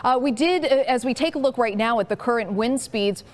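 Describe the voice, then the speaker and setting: A woman presenting a live, unscripted weather forecast in an explanatory manner with measured emphasis. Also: on the high side.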